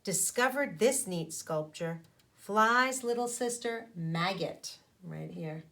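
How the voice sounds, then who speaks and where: A faint hiss or hum runs under this elementary school teacher's medium-pitched voice, which is animated, creaky, pushed and bright. She reads a children's book aloud in an instructive way, halting to explain and question the children.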